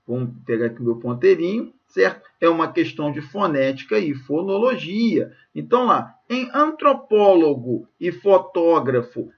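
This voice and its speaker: In a muffled recording, a Brazilian Portuguese–accented man walks students through grammar questions for exam prep. He's didactic and keeps checking in with "ok?" and "gente", his voice a bit high with vocal fry.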